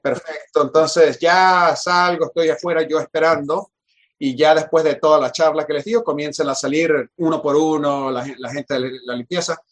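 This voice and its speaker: A man casually telling a long anecdote in an interview, animated and full of restarts and repeated words. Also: a little high, moderate pace. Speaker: guest telling a work story.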